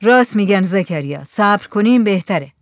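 A man's voice: sits high, lively intonation, dry recording, clean studio sound. A woman doing a cautious village headman.

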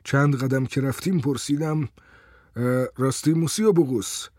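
A man narrating a first-person story in a calm, wry way. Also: medium pitch, dry recording, clean studio sound.

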